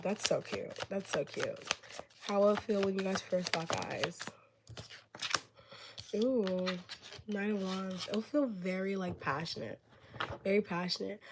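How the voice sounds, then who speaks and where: Background noise accompanies a fairly high-pitched woman doing a live-streamed tarot reading. She's ill and her voice is giving out, yet she keeps rambling with many filler words and gushing gratitude at her audience.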